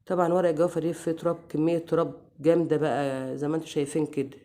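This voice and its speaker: An Egyptian woman, hoarse from a cold, hosting a casual home remedy tutorial and chatting affectionately to her viewers. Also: low voice, flat delivery, racing. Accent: Egyptian Arabic. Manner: warm, chatty, addresses viewers as dear sisters. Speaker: home cooking channel host.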